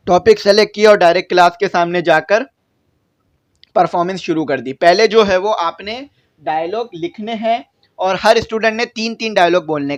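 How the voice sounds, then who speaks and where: A man explaining English exercises to students, repeating each point and checking that they follow. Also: sits high. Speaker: English teacher. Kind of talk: classroom-style lesson explanation.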